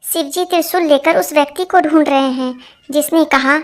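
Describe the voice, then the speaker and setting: A woman reading a string of short jokes aloud as scripted narration, giving every part in one even voice. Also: high voice, normal speed.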